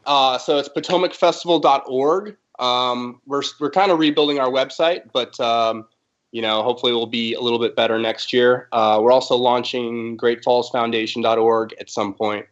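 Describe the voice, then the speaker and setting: A man's voice: mid-range voice, fairly even intonation, normal speed, lo-fi sound. A man who helps organize a race, chatting casually and loosely over a video call, with plenty of fillers. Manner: laid-back, full of fillers. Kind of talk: casual podcast chat.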